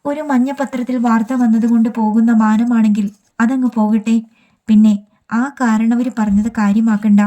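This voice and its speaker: A woman reading an audiobook, voicing a composed older colleague who gives hushed, firm advice. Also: fairly high pitch, steady tone, moderate pace, natural voice. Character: composed woman mentor, quietly guiding.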